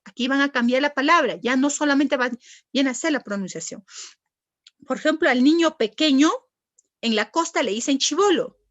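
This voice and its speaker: A woman's voice: high voice, fairly bright tone, no echo, highs cut off. A woman teacher, giving a classroom lecture and patiently asking the class questions and answering them herself.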